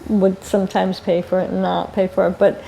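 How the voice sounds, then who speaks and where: An older woman, a filmmaker, telling animated stories in an interview and laughing often as she acts out what people said. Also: medium pitch, brisk, vocal fry, a little hiss or hum, low-quality recording. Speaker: filmmaker guest. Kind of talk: casual storytelling interview.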